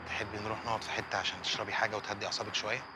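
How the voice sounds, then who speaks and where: An actor playing a courteous man, speaking gently. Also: on the low side, flat delivery, very fast, music in the background, natural voice, rough recording. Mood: gentle. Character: courteous young man, calm.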